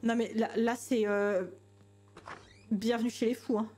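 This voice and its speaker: A woman's voice: a little high, steady tone, unhurried, a little mellow, slight background noise. A woman streamer giving jumpy, chatty commentary on a horror game, talking to herself and greeting customers politely. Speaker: gamer streamer.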